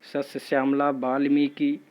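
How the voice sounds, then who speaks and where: A man teaching an exam-prep spelling lesson in a steady, patient, methodical drilling way. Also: mid-range voice, measured pace.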